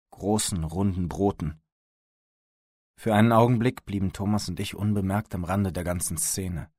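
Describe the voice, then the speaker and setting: A man's voice: low-pitched, darkish tone, no echo, clean studio sound. A man narrating an audiobook in the first person, with a terse, gritty, tense delivery.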